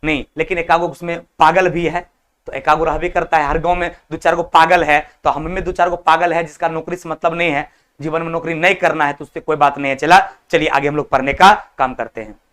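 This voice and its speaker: High-voiced teacher lecturing his students. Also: steady tone, fairly quick, a bit bright. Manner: scolding yet affectionate, lecturing students directly; colloquial, repeats words like 'chala' and 'babu'. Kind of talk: online exam-prep class.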